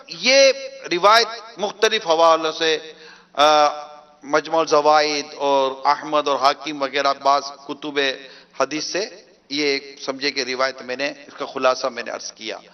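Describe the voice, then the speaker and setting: A man's voice: fairly high pitch, fairly even intonation, pushed and bright, muffled recording. A man with a Pakistani Urdu accent giving a sermon, retelling a story and acting out its dialogue with rising emphasis. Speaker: preacher.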